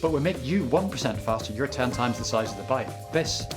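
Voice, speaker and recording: A man's voice: mid-range voice, animated, a little fast, music in the background. A man coaching a cyclist, blunt and direct, giving practical advice in an indoor training room. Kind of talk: coaching chat. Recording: roomy echo.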